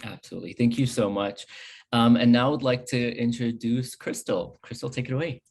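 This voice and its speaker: A man moderating a panel discussion, speaking in a measured way with frequent fillers. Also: medium pitch, gravelly, background noise. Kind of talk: hosting a virtual panel.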